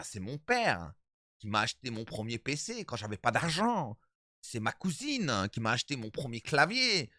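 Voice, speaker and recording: A man of thirty-five chatting casually with his stream viewers, animated and repetitive, calling them his brothers. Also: mid-range voice, no echo, clean studio sound. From Italian background. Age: 30s.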